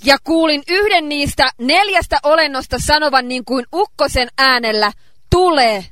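A woman interpreting a sermon phrase by phrase, relaying each line in a steady way. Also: high voice, dry recording, clean studio sound.

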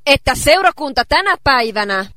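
Female church interpreter, high and bright, dry close sound, steady phrase-by-phrase delivery. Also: dry recording. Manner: steady, faithful relaying of each phrase. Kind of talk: sermon interpretation.

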